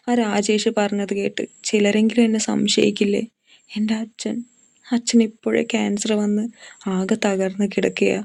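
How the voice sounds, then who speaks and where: A woman's voice: medium pitch, vocal fry, darkish tone, no echo, pitched above the performer's own voice. A woman voicing a distressed young woman teacher who is crying and speaks in choked, faltering words.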